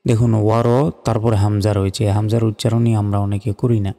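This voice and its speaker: A man with a Bangladeshi accent teaching Quran reading step by step, spelling out letters and vowel marks and then reciting each word slowly and drawn out. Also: on the low side, flat delivery, mellow, in a large hall.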